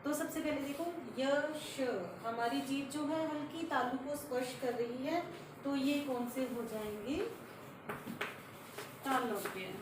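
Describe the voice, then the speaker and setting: Female teacher, high voice, slow and deliberate, repeats key terms, recorded from a distance in a roomy, echoing space. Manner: slow, repeats terms and asks questions then answers them. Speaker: Hindi grammar teacher. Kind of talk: classroom-style lesson at a board. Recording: echoey room, voice from a distance, faint noise.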